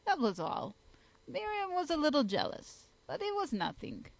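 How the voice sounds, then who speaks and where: A woman's voice: sits high, wildly swooping pitch, normal speed, no echo, voice pushed up, heavily acted. A woman reading a hasty, defensive old father. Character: anxious older male lodging-house father.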